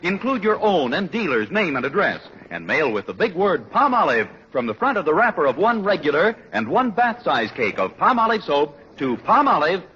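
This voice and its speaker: Booming, bright radio prize announcer man. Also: big pitch swings, normal speed, hardly any pauses, husky. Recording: muffled old radio broadcast, faint hiss.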